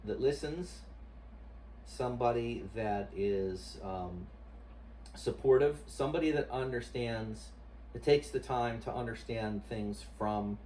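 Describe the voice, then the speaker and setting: A man answering interview questions casually as a husband, haltingly searching for words and repeating himself. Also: medium pitch, darkish tone. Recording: distant mic, noisy room ambience.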